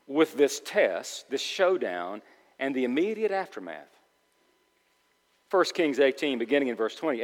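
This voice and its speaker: A man preaching a sermon, reading Scripture aloud with dramatic rises into near shouts. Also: medium pitch. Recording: long reverb of a large hall.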